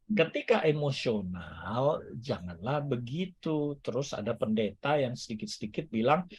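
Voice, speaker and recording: An older man preaches with a husky voice at a church service. His pitch leaps and dips as he quizzes the congregation, booming on key words and dropping low for asides. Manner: animated, swings between loud exclamations and soft asides, asks the audience questions. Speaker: guest speaker at a church service. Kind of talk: lively sermon teaching.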